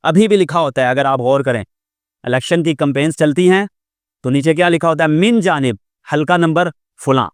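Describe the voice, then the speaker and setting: A man teaching a vocabulary lesson in a patient way, explaining each word slowly and often repeating it. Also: on the high side, dry recording, studio quality. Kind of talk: classroom lesson.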